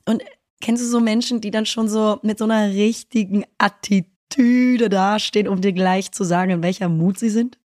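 Podcast co-host, woman, mid pitch, animated, slangy, dry close sound. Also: dry recording. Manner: animated storyteller, slangy, quick asides. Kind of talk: casual chat.

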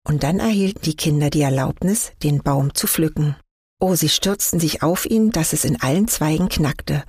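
A woman reading a fairy tale aloud in a calm, measured storytelling manner. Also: sits low, breathy edge, no echo, clean studio sound. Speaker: story reader.

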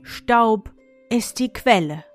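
A woman voicing a small, gleeful male fire goblin with a rasping, squawking voice in a spoken fairy tale. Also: fairly high pitch, animated, slow, soft background music. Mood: sing-song, gleeful.

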